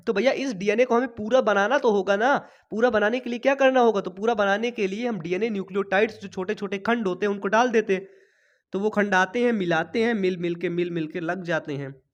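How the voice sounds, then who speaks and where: Young man, high-pitched, biology teacher, chatty, quizzes students, coughing from a cold. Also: brisk, muffled recording. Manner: chatty, asks students questions and answers them himself. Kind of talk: board exam lesson for students.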